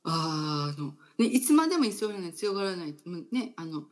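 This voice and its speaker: A woman hosting a casual talk show, explaining slowly and thoughtfully with many fillers. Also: on the low side, sing-song. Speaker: radio host.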